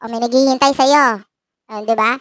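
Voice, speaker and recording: Woman tarot host, high-voiced, playful and teasing, close dry recording. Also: steady tone, normal speed, fairly bright tone, no room sound. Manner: playful, teasing, laughs often. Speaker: tarot reader and channel host. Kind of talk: casual tarot reading.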